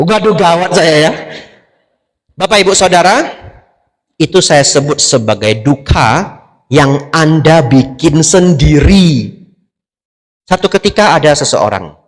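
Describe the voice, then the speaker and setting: A male Buddhist monk from Indonesia preaching in a large hall where his voice carries a long echo. His voice is fairly high for a man and swings widely in pitch. He keeps checking in with his listeners as he talks. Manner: lively, conversational, often asks the audience to confirm; acts out quoted characters. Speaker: Buddhist monk giving a dhamma talk. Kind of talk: sermon.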